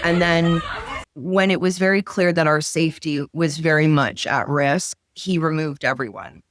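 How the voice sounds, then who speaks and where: A woman interviewed as a witness, recounting events urgently in quick bursts with fillers. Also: low voice, steady tone, a faint crowd.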